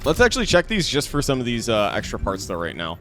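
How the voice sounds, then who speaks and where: Lively, bouncy male streamer. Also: mid-range voice, fast, soft background music. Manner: animated, laughs often, talks to chat viewers. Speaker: streamer playing a game. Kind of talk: casual live-stream chat.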